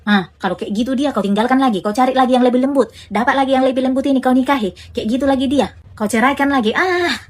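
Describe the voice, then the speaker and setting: A blunt, preachy mother with a Medan accent and a fairly high voice, played by a woman. She hammers her points home, repeating phrases over and over as she lectures her grown son, in a comedic family skit. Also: fast talker, few pauses. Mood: lecturing. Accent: Medan Indonesian. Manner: scolding, preachy, repeats herself for emphasis.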